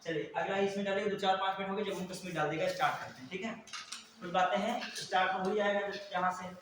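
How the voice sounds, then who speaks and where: A man's voice: high voice, fast talker, background noise. A male teacher lecturing a class, quizzing students and repeating their answers. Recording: echoey classroom from far off.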